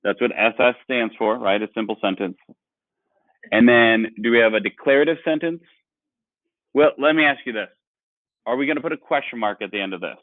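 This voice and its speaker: A man's voice: mid-range voice, a little fast, long pauses, no echo. A male teacher leading an online grammar lesson, explaining patiently and asking the class questions. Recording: dry, phone-like sound.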